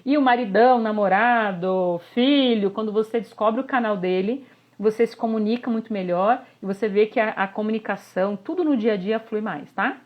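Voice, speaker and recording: A woman, a communication coach giving a live online workshop, animated and constantly checking in with her listeners. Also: medium pitch, moderate pace. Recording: slightly dull lo-fi audio.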